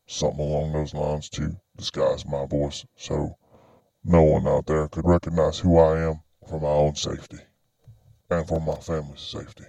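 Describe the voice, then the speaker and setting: A man playing a frightened military private, stammering and halting in a disguised deep voice through a voice changer. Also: vocal fry, dark tone, dry recording, exaggerated voice. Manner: nervous, halting, stammering, repeating words. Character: frightened anonymous military private telling his secret story. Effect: pitched-down voice changer. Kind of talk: confessional testimony for a podcast.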